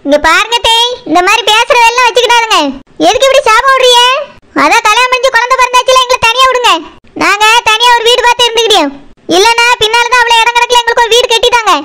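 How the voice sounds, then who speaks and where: A defiant young daughter-in-law argues back bluntly in a very high, bright cartoon voice, played by a woman. She has a Tirunelveli Tamil accent. She is stubborn and firm in every line. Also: fairly even intonation, fast. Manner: blunt and argumentative. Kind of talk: cartoon voice acting.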